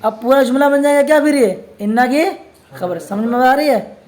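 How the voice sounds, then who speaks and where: The teacher here is a man with a very high, slightly mellow voice, giving a religious studies lesson on scripture grammar. He poses constant questions to his students that he then answers himself, reads Arabic passages slowly, and drops in lighthearted teasing asides.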